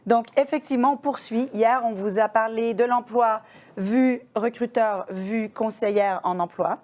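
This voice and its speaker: A woman's voice: fairly high pitch, steady tone, a little slow, a little mellow. Woman, employment counselor. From Canada. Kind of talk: webinar presentation.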